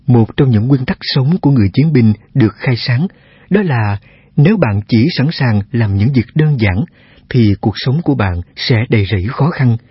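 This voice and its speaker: A man narrating a self-help text in a steady reading voice, often asking the listener rhetorical questions. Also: mid-range voice, husky, dry recording. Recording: dull, slightly lo-fi sound.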